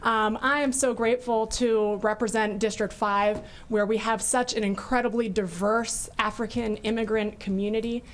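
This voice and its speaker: A woman's voice: on the high side, fairly even intonation, normal speed, hardly any pauses, slight background noise. A woman council member giving grateful public remarks at a council session, with many fillers.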